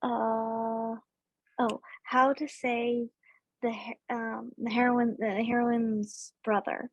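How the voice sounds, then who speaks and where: A woman's voice: on the high side, little pitch movement, slow pace, no room sound. A woman guest chatting casually on a roundtable podcast, hesitant, with many ums and restarts. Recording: dull lo-fi audio.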